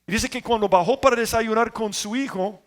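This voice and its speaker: A man preaching a sermon as pastor, telling stories and swinging between loud emphasis and quiet asides. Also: sits high, brisk.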